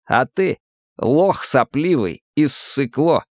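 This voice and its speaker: A man's voice: medium pitch, expressive, slow pace, no echo, clean studio sound, voice pushed up. A man voicing a swaggering young male army bully who barks coarse, contemptuous slang.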